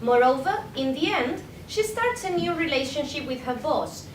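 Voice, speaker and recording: A young Spanish PhD candidate reads her prepared paper aloud in an indoor conference room, speaking carefully at a normal speed in an animated voice, with occasional stumbles and self-corrections. The room is echoey, the mic is distant, and a faint rumble sits underneath.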